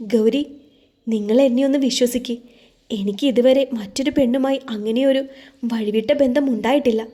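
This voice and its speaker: A woman voicing a passionate young husband in an audio story, making insistent, forceful declarations. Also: fairly high pitch, close to an everyday voice.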